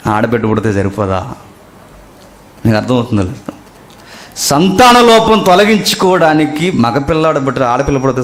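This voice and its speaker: A male preacher giving a sermon, firing rhetorical questions and swinging between loud emphatic peaks and low quiet asides.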